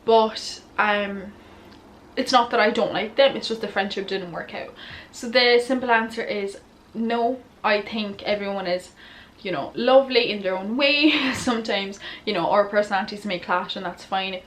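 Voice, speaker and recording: A woman's voice: medium pitch, normal speed, fairly bright tone. Young girl doing a chatty q&a, bit tipsy and giggly, noisy background. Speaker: influencer answering follower questions. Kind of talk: casual chatty Q&A to camera.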